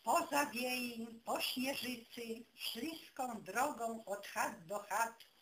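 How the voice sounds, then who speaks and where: Slow woman reciting folk poetry, noisy recording. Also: fairly high pitch. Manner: measured, declaiming recitation with pauses between phrases. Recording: clearly noisy amateur recording.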